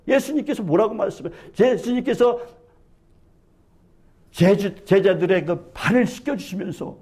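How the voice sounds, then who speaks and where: High-voiced, fervent male pastor preaching. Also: darkish tone. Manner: fervent, asks many rhetorical questions, fills with "yes". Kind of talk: sermon. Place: church sanctuary.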